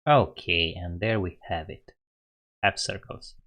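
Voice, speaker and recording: Taking it slowly, a man with a low, somewhat bright voice and a Romanian accent hosts a live coding session. He talks through his thinking and corrects himself while typing, in an informal way.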